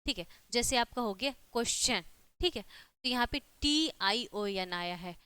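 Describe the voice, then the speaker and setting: A woman gives an online exam-prep lesson, walking through each rule step by step and checking in with her students again and again. Her voice is very clear and bright, slightly higher than usual. The sound is close and dry. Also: animated, unhurried, no echo. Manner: repeats "ठीक है" and rhetorical questions, explaining step by step. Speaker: teacher.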